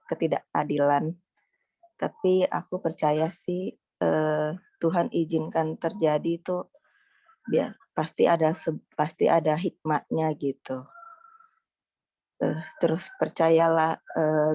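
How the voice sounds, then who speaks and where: A woman with a very low, flat voice speaks slowly and hesitantly in a prayer group, pausing often. The recording is dry and close. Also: no room sound. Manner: hesitant and soft-spoken, full of fillers. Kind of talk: sharing in a devotional group.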